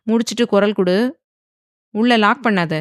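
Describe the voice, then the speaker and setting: A woman voicing a forceful, possessive young husband who speaks in a stern, commanding way in a storybook. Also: mid-range voice, moderate pace, dry recording, studio quality, close to an everyday voice.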